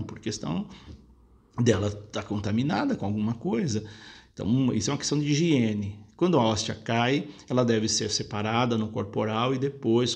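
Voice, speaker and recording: A priest talks through listeners' questions one by one, calm and explanatory. His voice sits at an ordinary male pitch with a gravelly, creaky edge. He restates each point so it is easy to follow. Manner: explanatory, patient, repeats points for clarity. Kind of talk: casual spoken Q&A lesson.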